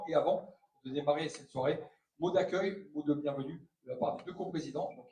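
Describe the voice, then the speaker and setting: A man's voice: a little high, mellow, slight background noise. A man hosting a live evening event in a large hall, talking with many hesitations. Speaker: host of the draw evening. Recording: echoey hall from far off.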